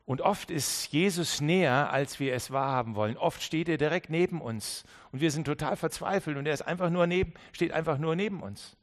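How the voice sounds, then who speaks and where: A man preaching a sermon to a congregation, emphatic, dropping to quiet low asides and repeating key phrases for weight. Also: fairly quick, few pauses. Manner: emphatic, swings between loud stresses and quiet low asides. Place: church service with an audience.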